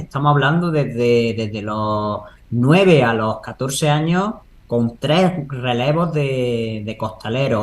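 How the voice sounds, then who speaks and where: A man answering in a spontaneous interview, earnest and discursive, often adding tag questions to seek agreement. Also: medium pitch. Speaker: local interviewee, Holy Week proclamation speaker. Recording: noticeable background noise.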